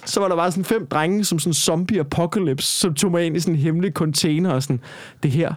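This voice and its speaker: A man's voice: fairly high pitch, no echo. A young man in casual conversation, telling a long personal story in a rambling way, with many restarts and some swearing.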